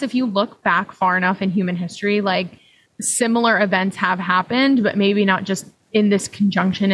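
Brief: young woman guest, mid-pitched, candid and thoughtful, casual chat. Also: a bit bright, a little hiss or hum, low-quality recording. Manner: reflective, candid, many "like" fillers. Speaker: podcast guest. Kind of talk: casual conversational interview.

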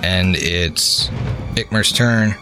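A man's voice: deep voice, extremely slow. A man acting as game master, casually narrating and refereeing a tabletop game with music behind him.

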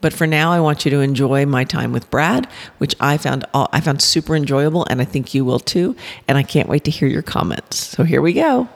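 A woman's voice: sits low, lively intonation, brisk, creaky, few pauses. A woman hosting a podcast, chatty and upbeat, recorded in a big echoey room in a house mid-remodel. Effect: big echoey room sound from a house mid-remodel. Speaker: podcast host. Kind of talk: casual podcast intro and interview chat. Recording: echoey room with long reverb.

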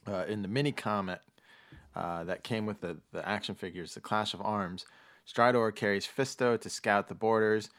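A man hosting a casual podcast, explaining things in a halting way with frequent backtracking. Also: fairly low pitch, fairly even intonation, fairly bright tone. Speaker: podcast host.

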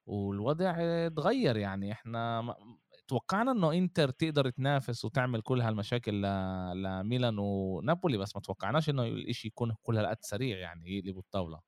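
Man, Palestinian Arabic accent, low-pitched, smooth, quick bursts with filler pauses, dry close sound, podcast host. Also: animated, a little mellow, dry recording. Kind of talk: casual sports podcast talk.

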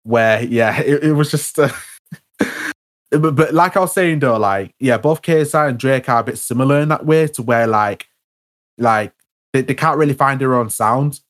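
A man's voice: mid-range voice, normal speed. A young man in a casual chat about music, who stumbles over and repeats his words with lots of fillers.

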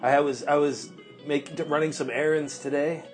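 Goofy male co-host, a bit high-pitched, over clear guitar music. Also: fairly even intonation, moderate pace. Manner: goofy, punning, interrupting. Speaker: podcast co-host. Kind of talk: comedic podcast banter.

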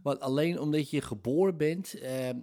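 A man hosting a solo podcast, talking reflectively and candidly, pausing often with fillers as he searches for words. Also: fairly high pitch, dark tone. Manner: candid and self-mocking. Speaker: podcast host.

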